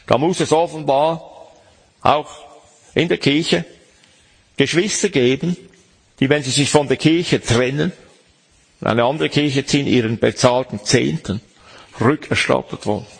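A man preaching a sermon, slow and emphatic, asking the listeners questions. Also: mid-range voice, vocal fry, breathy edge. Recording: long hall reverb.

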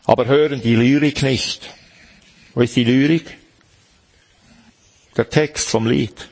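A man preaching a sermon, slow and emphatic, asking the listeners questions. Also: medium pitch, fairly even intonation, vocal fry, darkish tone. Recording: long hall reverb.

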